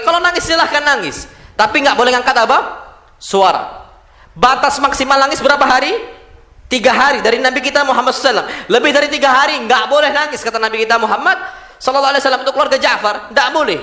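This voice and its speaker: High, bright-voiced man preaching in an echoey mosque. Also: fast. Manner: lively, asks the audience rhetorical questions and answers them himself; addresses listeners as "Pak", quotes Arabic sayings. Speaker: Islamic preacher. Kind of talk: mosque sermon. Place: mosque hall.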